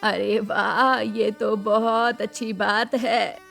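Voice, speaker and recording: A woman voicing a kind middle-aged village wife in a cartoon story, gentle and coaxing. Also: mid-range voice, level tone, slow, vocal fry, soft background music.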